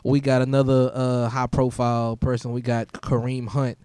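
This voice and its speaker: A man hosting a podcast, talking casually with halting restarts and lively shifts in tone. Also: mid-range voice, smooth, no echo. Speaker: podcast host. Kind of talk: casual chat.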